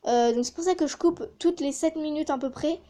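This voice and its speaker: A chatty woman talks casually for her gaming channel. Her voice sits high but sounds mellow and warm. She pauses often to hesitate as she thinks. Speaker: gaming YouTuber testing a voice changer app. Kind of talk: casual vlog commentary.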